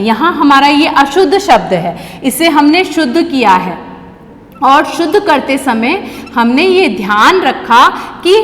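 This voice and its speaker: High-voiced woman teaching a grammar class. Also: fairly bright tone, in a large hall. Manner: patient, repeats key words slowly. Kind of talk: grammar lesson for children.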